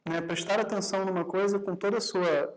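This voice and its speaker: A man's voice: sits high, steady tone, a little fast, low-quality recording. A man leads a live meditation workshop. His tone is conversational and easy, and he keeps checking in with his listeners. Now and then he slips into short acted-out exchanges. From Brazil. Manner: conversational, often adds tag questions to the audience; acts out quoted dialogue in his own talk. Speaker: meditation teacher.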